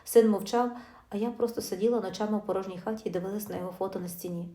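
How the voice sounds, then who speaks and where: A middle-aged woman narrating a first-person life story in a brisk, emotional, confiding way. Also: mid-range voice, steady tone, mellow. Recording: roomy echo.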